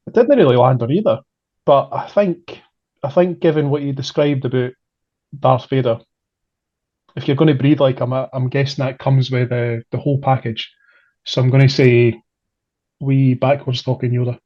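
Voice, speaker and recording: A Scottish man chatting on a comedy podcast, thinking out loud in a speculative, drily playful way. His pitch is middling, and his recording sounds dull and lo-fi. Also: steady tone, normal speed, long pauses. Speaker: podcast co-host. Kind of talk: casual comedy podcast chat.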